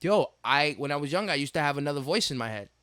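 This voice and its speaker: A young man co-hosting a podcast, telling childhood stories in a loose, animated way and acting out the voices. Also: fairly high pitch, fast talker. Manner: animated storyteller, acts out voices, laughs often. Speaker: podcast co-host. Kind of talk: casual chat.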